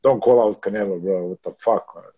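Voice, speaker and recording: On the low side and fairly quick, this mellow male voice comes through lo-fi sound. He's a swearing, often-laughing boxer in his thirties giving a casual interview, rough in manner and addressing others as brother.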